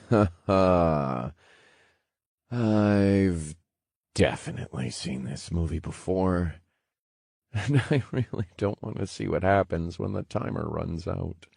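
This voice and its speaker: A male narrator puts on a sarcastic, exasperated young man in an audiobook. His voice rises far above the narration and swings widely, with a husky edge. The sound is dry and close. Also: medium pitch, huge pitch swings, drawn-out words, long pauses, a little mellow, no room sound, pitched above the performer's own voice, heavily acted. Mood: wry. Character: sarcastic young man trapped in a strange room. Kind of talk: audiobook character voice.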